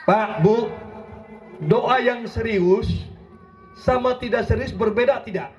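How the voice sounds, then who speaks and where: A man preaching an impassioned sermon, rousing and often shouting as he addresses his listeners directly. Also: very high-pitched, takes it slowly. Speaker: preacher and legal consultant. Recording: dull lo-fi recording.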